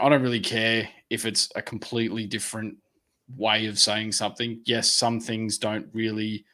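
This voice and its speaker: A man's voice: on the low side, pushed and bright. A man co-hosting a casual podcast, ranting heatedly and swearing freely. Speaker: podcast co-host.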